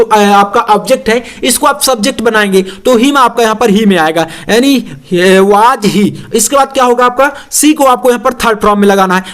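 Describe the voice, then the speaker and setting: A young man teaching English grammar to exam students, explaining slowly and spelling words out letter by letter. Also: very high voice, fairly bright tone.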